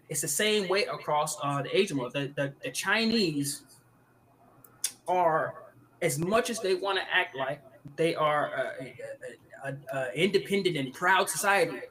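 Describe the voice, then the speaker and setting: A man co-hosting a live podcast, ranting in an animated way with frequent laughter and many restarts. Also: fairly high pitch, poor audio. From United States. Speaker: podcast co-host.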